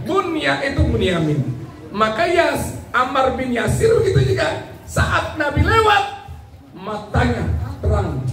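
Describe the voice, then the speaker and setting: A man's voice: high voice, noisy background. A man with a Betawi accent preaching at a religious celebration, telling prophet stories and acting out the dialogue with jokey asides in local slang. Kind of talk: Maulid sermon storytelling. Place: large hall at a religious gathering. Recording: echoey hall, voice from far off.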